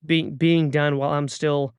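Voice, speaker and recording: A man's voice: a little high, level tone, a little slow, clear, resonant tone, dry recording, studio quality. A man in his thirties hosting a podcast, delivering an earnest motivational monologue with urging, repeated calls to action. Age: 30s. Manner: earnest, urging, repetitive exhortations. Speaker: podcast host.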